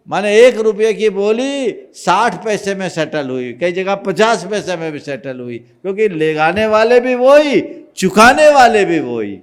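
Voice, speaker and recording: A man giving a sermon as a monk, scolding with rhetorical questions and swinging between loud stress and quiet asides. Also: high voice. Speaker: Jain monk giving a discourse.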